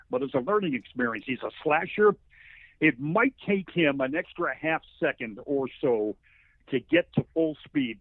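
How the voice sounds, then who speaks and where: Over a thin, narrow line that sounds like a phone, a male play-by-play broadcaster speaks as an interview guest, breaking down football conversationally. He tells stories in a folksy, emphatic, halting manner. His mid-range voice carries no echo.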